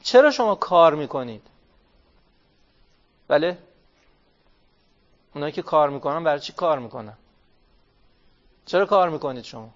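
A man giving an interactive religious talk, asking his listeners questions, answering them himself and drawing out key phrases slowly. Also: a little high, expressive. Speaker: religious speaker. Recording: dull lo-fi recording.

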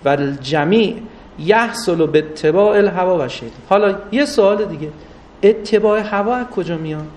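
A man giving a religious lecture with stories, rising for emphasis and drawing out recited Arabic phrases. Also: high voice. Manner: animated, rises for emphasis, drawn-out Arabic recitation. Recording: distant mic with faint noise.

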